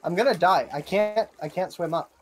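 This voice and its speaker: A woman's voice: lowish voice, normal speed, slight background noise. A woman playing a game with friends over voice chat, playful and giggly, chatting casually. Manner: playful and giggly, keeps offering gifts. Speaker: Minecraft player on voice chat.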